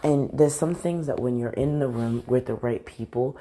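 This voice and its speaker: A woman's voice: extremely low pitch, moderate pace, mellow, slight background noise. A woman hosting a motivational podcast from a large bathroom, upbeat and repetitive with lots of fillers, sounding groggy with a morning voice from a slight cold. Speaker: podcast host.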